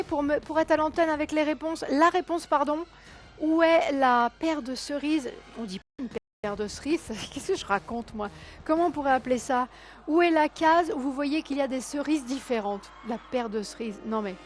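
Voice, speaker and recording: Hoarse lady hosting a call-in tv quiz, pretty high voice, chatty and coaxing, counts down and fixes her own words, faint music behind. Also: normal speed. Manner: chatty, coaxing viewers, counting down, correcting herself aloud. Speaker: game show host.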